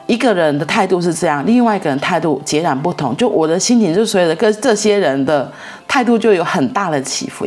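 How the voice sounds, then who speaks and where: Low husky woman rambling through a story. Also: a little mellow. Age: middle-aged. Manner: rambling, reenacts dialogue, repeats herself. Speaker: vlogger. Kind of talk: casual storytelling monologue.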